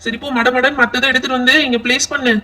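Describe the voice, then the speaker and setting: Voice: high-pitched, level tone, fast talker, pushed and bright. A performer voicing a bossy young boy doll who orders his friends around in a doll pretend-play show. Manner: bossy, ordering others about.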